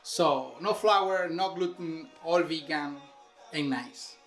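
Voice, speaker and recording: With soft music behind him, a man with a slightly high, somewhat bright voice speaks slowly. He's a Venezuelan chef with a Venezuelan Spanish accent, walking through a recipe in English step by step with many fillers during a casual cooking demo.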